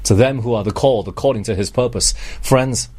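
A middle-aged man from Malaysia preaching a sermon, earnest, slowing down on scripture and asking the congregation rhetorical questions. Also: mid-range voice, darkish tone, breathy edge. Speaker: pastor.

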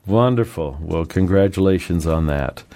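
A man hosting a religious radio program, telling a story in a gentle, measured way and then talking with a guest. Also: low-pitched, animated. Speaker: radio Bible program host.

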